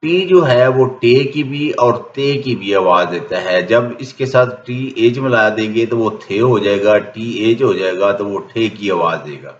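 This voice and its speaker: A man's voice: lowish voice, few pauses. A man, a native Urdu speaker, explaining an English lesson plainly and methodically, one step after another. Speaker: English teacher. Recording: echoey room, dull lo-fi sound.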